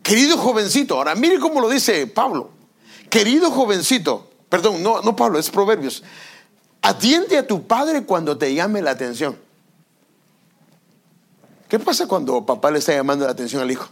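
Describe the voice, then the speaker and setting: An older man delivers a sermon as pastor, with a gravelly, husky voice. His pitch sits a bit high and leaps around widely as he preaches. He acts out parents and children in quick little scenes. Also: big pitch swings.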